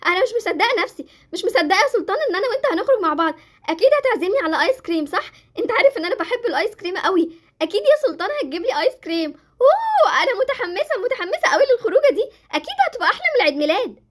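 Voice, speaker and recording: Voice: very high voice, very animated, very fast. A young performer with an Egyptian accent voicing Jessie, a clingy, dramatic girl in a Roblox roleplay series. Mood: excited.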